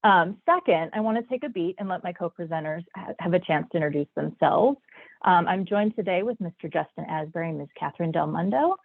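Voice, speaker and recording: A woman's voice: fairly low pitch, lively intonation, brisk, vocal fry, dry recording. A woman with a stuffy, nasal voice from a cold, presenting an online workshop in an enthusiastic, chatty way. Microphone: video call. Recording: dry, phone-like video call audio.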